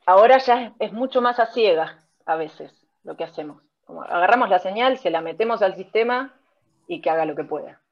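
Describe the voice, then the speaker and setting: Brisk and lively in intonation, this medium-pitched woman speaks with a Rioplatense Spanish accent. As a speech technology researcher in an interview, she patiently explains her field step by step with examples, captured in dull lo-fi sound.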